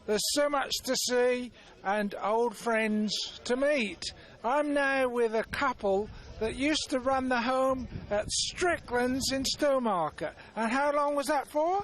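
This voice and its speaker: A woman's voice: high voice, slow pace, poor audio. A woman, presenting and interviewing people on location in a chatty style. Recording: faint outdoor noise, vehicles nearby.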